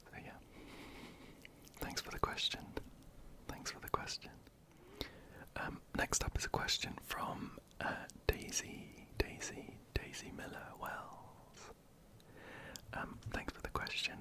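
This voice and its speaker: An ASMR creator, whispering softly and hesitantly while answering viewer questions into a close microphone. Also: slow, long pauses. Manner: soft, hesitant, many ums and restarts.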